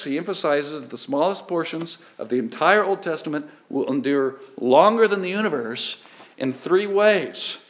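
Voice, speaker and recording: A middle-aged man preaching a sermon, emphatic, swelling on key words and then dropping low. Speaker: pastor.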